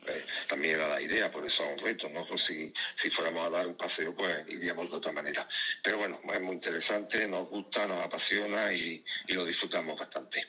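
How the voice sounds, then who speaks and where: A man's voice: low voice, fairly even intonation, a little fast, pushed and bright, husky. A man taking part in a mountaineering project, talking in a phone-in interview with frequent fillers and restarts. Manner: hesitant, many restarts and fillers. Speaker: mountaineer on expedition.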